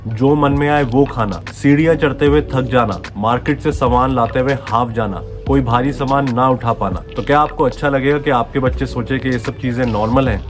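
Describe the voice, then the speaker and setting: Earnest man turning forty, coaxing. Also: medium pitch. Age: 30s. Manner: earnest, coaxing, mixes English phrases into Hindi. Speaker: fitness coach. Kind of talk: motivational talk to camera. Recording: music playing underneath.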